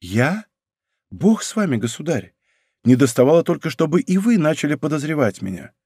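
A man's voice: on the high side, sing-song, normal speed, darkish tone, breathy edge, no room sound, studio quality. A man voicing a proud young princess in an audiobook, pleading and slightly mocking. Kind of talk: audiobook character reading.

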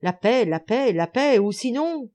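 A gruff, hostile hulk of a man, as a woman reading the audiobook puts him on, shouting his contempt and loud with anger. The tone is mellow and dark, and the reading is storybook-style. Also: fairly low pitch, animated, normal speed. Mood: bellowing. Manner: shouting, scornful.

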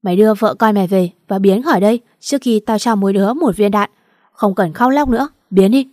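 A woman's voice: medium pitch, brisk, a little mellow, no room sound, clean studio sound, lightly acted. A woman reading an audiobook story, voicing a cold, dangerous young man who makes clipped threats. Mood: menacing.

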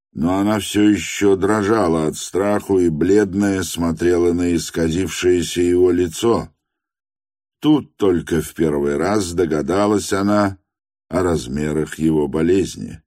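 A man narrating a classic novel as an audiobook, in a measured, expressive storytelling manner. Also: low voice, no room sound, studio quality.

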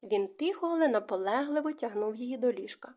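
A woman narrating a historical romance audiobook in a smooth, even storytelling manner. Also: a little high, normal speed. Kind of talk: scripted narration.

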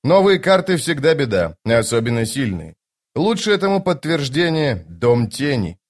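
A man narrating an audiobook in a measured, even reading. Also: medium pitch. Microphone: home recording.

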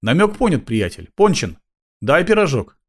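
A man's voice: a little high, very animated, moderate pace, pitched above the performer's own voice. A man voicing a cocky, self-important middle-aged male street cop.

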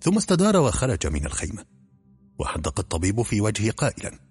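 Low, husky male narrator for an audiobook, steady telling, soft music bed. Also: fast talker, long reverb tail. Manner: steady storytelling.

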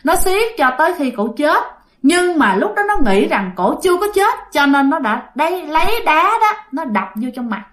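Lively Southern Vietnamese woman telling a ghost story. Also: high voice, moderate pace. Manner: chatty, addresses listeners directly, dramatic. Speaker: storyteller host.

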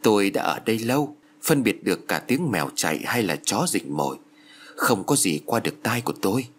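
A man's voice: fairly low pitch, very animated, brisk. A man voicing a confident old family gardener who reassures his employers. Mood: assured.

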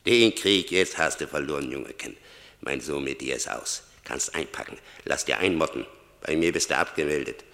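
An actor playing Death in a German radio play, a stern, merciless grim reaper scolding and commanding. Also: male voice, expressive, moderate pace, pushed and bright, heavily acted. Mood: harsh, dismissive. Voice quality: gravelly, very deep. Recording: long cavernous reverb.

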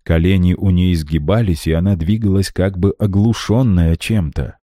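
A man narrates an audiobook with a very low, dark, mellow voice. His reading is measured and dramatic. The recording is close and dry with no room sound. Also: no echo.

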